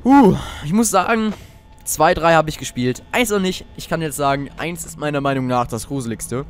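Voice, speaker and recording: A man's voice: on the high side, expressive, moderate pace, smooth, faint music behind. A teenage boy playing a horror game, jumpy and swearing often as he talks to his viewers. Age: teens. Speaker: let's player.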